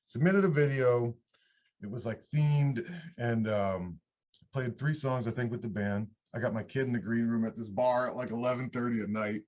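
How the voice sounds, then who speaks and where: This guest, a man in his thirties from upstate New York, is a country singer-songwriter recounting his story in a relaxed, rambling interview, often restarting sentences partway through. His voice is medium-pitched at a normal speed, with slight background noise.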